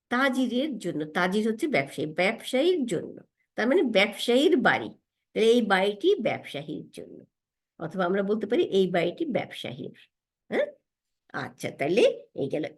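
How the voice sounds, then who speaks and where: A woman teaching Arabic grammar, explaining step by step, often asking "right?" and slowing down to spell out Arabic words. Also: medium pitch, sing-song.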